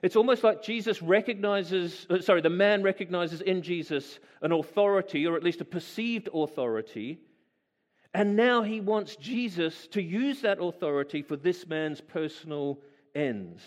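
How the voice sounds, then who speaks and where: A man with a fairly high voice delivers a sermon. He reads a scripture passage aloud, then talks it through in a relaxed, musing way, asking his listeners questions as he goes. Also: moderate pace, big-room sound. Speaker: preacher.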